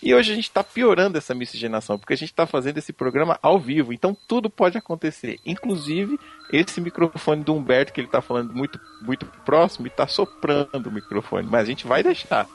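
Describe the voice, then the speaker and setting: A man's voice: fairly high pitch, big pitch swings, brisk, gravelly, few pauses, husky. A man hosting a podcast in a casual, unscripted live chat. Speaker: podcast host.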